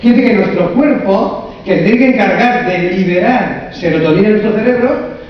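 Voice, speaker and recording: A man's voice: sits high, normal speed. A man, a coach and therapist giving a humorous live conference talk, asking the audience lots of rhetorical questions. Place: large echoey conference hall. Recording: echoey hall from far off, dull sound.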